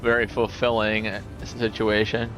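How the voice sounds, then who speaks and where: A man's voice: fairly low pitch, completely flat delivery, measured pace, rough recording. Middle-aged guy rambling on his game stream, chuckles a lot, faint music behind. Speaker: livestream host. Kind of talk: casual gaming livestream chat.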